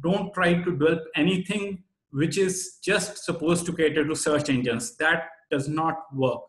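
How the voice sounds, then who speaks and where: A man's voice: on the high side, normal speed. A man with an Indian accent giving an explanatory webinar presentation in a didactic way, stressing his key points. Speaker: webinar presenter, SEO expert. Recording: roomy, echoey sound.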